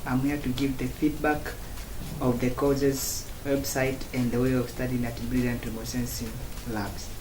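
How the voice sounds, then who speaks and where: A man from Tanzania, giving a student testimonial in slow, halting phrases broken into short chunks. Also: mid-range voice, little pitch movement. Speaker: former student giving a review. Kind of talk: spoken testimonial. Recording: roomy echo, faint background noise.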